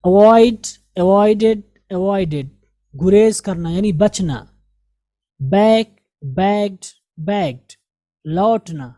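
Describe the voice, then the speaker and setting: In a mellow, dark, mid-range voice and an Indian Urdu-speaking accent, a woman teaches English grammar and vocabulary. She steps through the words at a slow, deliberate pace and repeats each for pronunciation. The audio is close and dry, with no echo.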